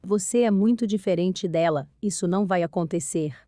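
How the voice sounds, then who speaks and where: A woman voicing a loving mother who gently and patiently reassures her teenage daughter. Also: fairly low pitch, no echo, clean studio sound, lightly acted. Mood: reassuring. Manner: gentle, reassuring, explaining slowly.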